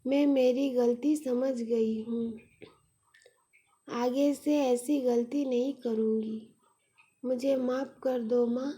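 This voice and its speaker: A woman's voice: fairly high pitch, fairly even intonation, slow, long pauses, mellow. A woman voicing a remorseful young daughter. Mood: contrite. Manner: earnest, apologetic. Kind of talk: storytelling.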